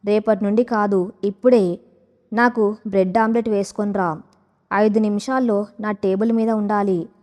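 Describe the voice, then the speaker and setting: A woman voicing a stern, controlling young husband who gives orders in a calm, quiet tone. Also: medium pitch, normal speed, big-room sound, lightly acted. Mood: ordering. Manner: quiet commanding tone, never raised.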